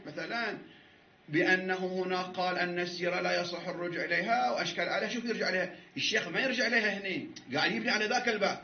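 Seminary lecturer, male, high voice, argumentative, repeats himself; roomy lo-fi recording. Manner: argumentative, repeats and restarts, laughs at times. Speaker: seminary teacher. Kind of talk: jurisprudence class lecture with debate. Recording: echoey room, dull lo-fi sound.

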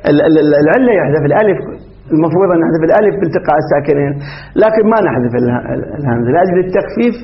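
Fast-talking man teaching grammar. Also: fairly high pitch, expressive. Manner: explains step by step, quizzes students. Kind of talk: classroom grammar lesson. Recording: dull muffled lesson recording, faint hiss.

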